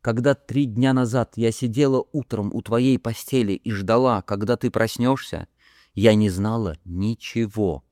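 A man's voice: on the low side, a little mellow, dry recording, studio quality, voice pushed up, natural voice. A man voicing a fragile, desperate young woman. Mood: quiet, sorrowful. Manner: pleading, halting, breaking into sobs.

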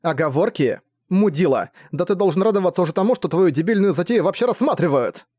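A man's voice: fairly high pitch, expressive, a little fast, a little mellow, no echo, studio quality, pitched above the performer's own voice. A man voicing a blunt, hot-tempered young woman superhero who swears when irritated. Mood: angry.

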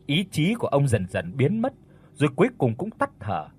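A man narrating a horror audiobook in a dramatic, expressive storytelling voice. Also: a little high, moderate pace, breathy edge.

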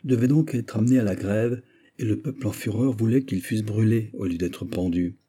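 Man reading rough male messenger, urgent, breathless, husky, dark. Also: on the low side, a little fast. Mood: reporting. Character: rough male messenger reporting a failed raid.

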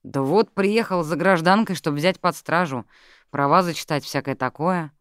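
A man's voice: on the high side, normal speed, a bit bright, clear, resonant tone, no echo, pitched above the performer's own voice, lightly acted. A reader voicing a dry, mocking male investigator who speaks in blunt officialese. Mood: wry.

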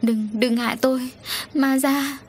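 A woman voicing a young woman raving in terror, shrill and frantic, in an audio story. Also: fairly even intonation, measured pace, a little mellow, a little hiss or hum.

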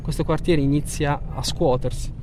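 A man, a youth program coordinator, answering interview questions in a measured way and often repeating words while he thinks. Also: a little high, fairly even intonation, a little mellow. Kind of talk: interview in a car. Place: moving car. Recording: noisy car interior with traffic.

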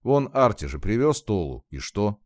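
A man voicing a gentle young man who comforts his sweetheart in a reassuring tone. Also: on the low side, big pitch swings, moderate pace, dry recording.

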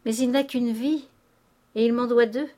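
A woman's voice: a little high, fairly even intonation, moderate pace, a little mellow, pitched above the performer's own voice, close to an everyday voice. A woman reading aloud, voicing a grief-stricken old father who erupts in anguished rage. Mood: furious. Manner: anguished outbursts of rage and despair. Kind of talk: audiobook character reading.

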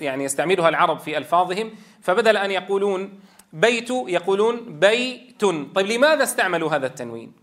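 A man's voice: high-pitched, fairly bright tone. A man teaching a Quran recitation lesson, explaining patiently, repeating key phrases and drawing out vowels to demonstrate. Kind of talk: tajweed lesson.

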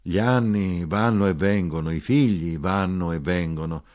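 An actor reading an audiobook, voicing a weary, resigned elderly mother with a soft, sorrowful manner. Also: deep voice, unhurried. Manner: soft, sorrowful, plain-spoken.

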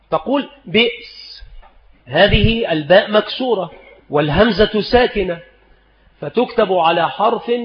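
High-voiced man lecturing in an echoing hall. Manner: slow, deliberate, repeats each rule and example. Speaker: Islamic scholar teaching spelling rules. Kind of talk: recorded lecture. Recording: dull lo-fi recording in a reverberant hall.

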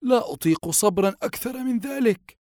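A man's voice: extremely high pitch, animated, fairly quick, warm tone, no room sound, clean studio sound, voice pushed up. A man voicing a worried, stern old grandfather in an audiobook, speaking firmly. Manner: firm, anxious pleading.

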